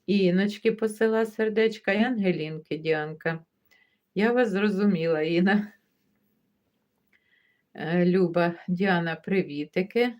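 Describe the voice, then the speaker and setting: A livestream host chats casually, reading viewer comments and warmly greeting people by name one after another. Her voice is lowish and her pace measured, with long pauses, and the audio sounds dull. She is easygoing and laughs as she talks.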